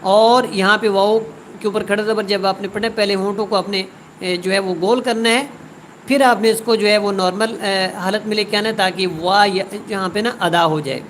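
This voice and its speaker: A woman teaching a word-by-word Quran tajweed lesson. She recites each word slowly and drawn out, then explains quickly. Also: mid-range voice, fairly even intonation, slight background noise, rough recording.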